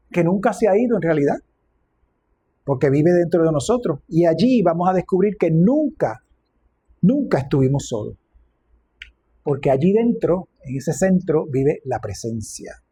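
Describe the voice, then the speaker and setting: A man preaching a reflective, gently humorous sermon as a minister. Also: fairly high pitch, animated, a little slow, long pauses, slightly rough.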